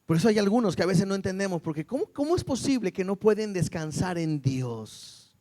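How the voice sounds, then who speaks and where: Brief: male preacher, very high voice, lively sermon full of questions to the congregation. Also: fairly quick. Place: church service before a congregation.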